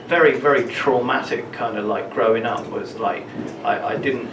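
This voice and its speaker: Man telling a story at an open mic, roomy and distant. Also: mid-range voice. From London, England. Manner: halting, restarts and repeats words while telling his story. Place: small open mic venue in a room. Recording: roomy, distant, with room ambience noise.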